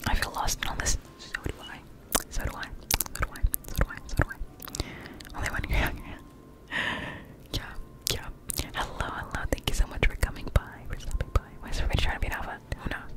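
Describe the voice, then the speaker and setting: A young woman in her late teens whispering close to a studio mic in her bedroom, reading chat messages aloud and answering them in whispered live-stream chat. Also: fairly quick. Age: young adult. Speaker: ASMR streamer. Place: bedroom with plush toys, indoors. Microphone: studio mic close in front.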